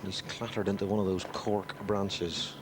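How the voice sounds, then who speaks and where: A man giving measured live television golf commentary, with dry, wry asides. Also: low-pitched, flat delivery, noisy background.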